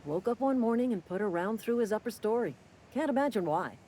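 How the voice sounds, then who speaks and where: A man voicing a gruff, cynical company-town clerk in video game dialogue, speaking curtly and sardonically. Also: high voice, lively intonation, brisk, dark tone, a little hiss or hum, low-quality recording. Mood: curt, sardonic. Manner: curt, sardonic and impatient.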